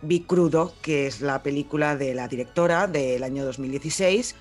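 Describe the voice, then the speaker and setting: A woman's voice: low-pitched, moderate pace, darkish tone, faint music behind. A woman with a Spain Spanish accent co-hosting a film podcast, talking in a chatty way, explaining things and joking freely. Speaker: podcast co-host. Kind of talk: casual film podcast chat.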